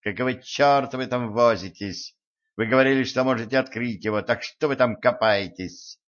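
A man reading an audiobook and voicing a furious, greedy wife with a hoarse, harsh way of snapping at others. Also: mid-range voice, normal speed, a bit bright, close to an everyday voice. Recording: muffled lo-fi recording.

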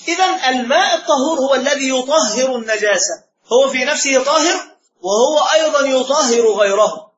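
A man's voice: extremely high pitch, a bit bright. A man teaching a religious lesson as a sheikh, often checking with his listeners through rhetorical questions. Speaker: sheikh teaching Islamic law. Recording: roomy, dull lo-fi sound.

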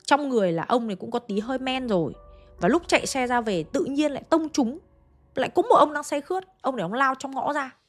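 A woman narrates a ghost story in a chatty, conversational manner, turning to address her listeners directly. Her voice sits fairly high for a woman. Soft music plays faintly underneath. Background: faint background music.

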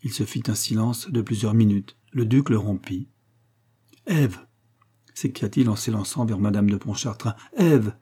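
A man reading a classic novella aloud in an even, measured storytelling manner. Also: on the low side, husky. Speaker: narrator. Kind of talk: audiobook reading of a 19th-century novella.

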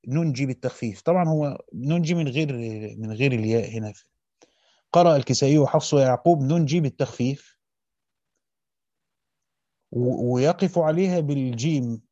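Fast-reading man with a mellow voice. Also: mid-range voice, no room sound. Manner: reads quickly, breaks in with short colloquial asides. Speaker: teacher of Quranic exegesis. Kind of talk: rapid reading of a classical text with brief explanations. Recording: dull, dry lo-fi recording.

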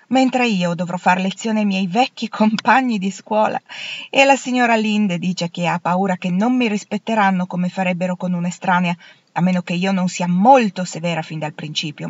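A woman's voice: medium pitch, dry recording, lightly acted. A woman voicing an earnest, idealistic young woman teacher who speaks in an impassioned, pleading way, in a storybook reading. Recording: dull lo-fi, dry.

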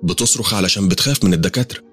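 A man's voice: sits low, rapid-fire, fairly bright tone, husky, soft background music. A man with an Egyptian accent voicing a wary, skeptical young mother in her late twenties who questions a stranger.

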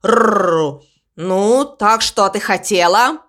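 A woman's voice: medium pitch, big pitch swings, unhurried, fairly bright tone. A woman voicing a boastful male raven who pretends to be a tiger, growling and swaggering in a storybook reading.

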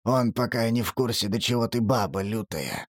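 Guy doing a hateful gangster boss, hisses slow, pitch swings up and down. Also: animated, no echo, studio quality. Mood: stern. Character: hateful, hissing male prison boss with a gangster's drawl.

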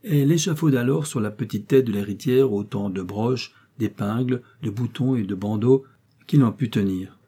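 A man reading a classic novel aloud in measured audiobook narration. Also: medium pitch, mellow, husky. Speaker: audiobook reader.

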